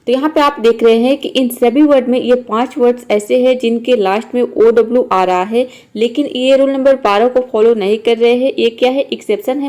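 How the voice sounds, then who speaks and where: A woman's voice: on the high side, a little mellow. Patient woman teaching pronunciation rules. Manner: patient, repetitive, methodical. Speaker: English teacher. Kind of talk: spoken explanation of pronunciation rules.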